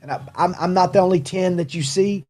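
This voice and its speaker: A high-sitting, darkish voice moves fairly quickly as a Southern-accented man from Tennessee hosts a casual livestream for viewers. The hat company owner rambles, cracks jokes and makes fun of himself.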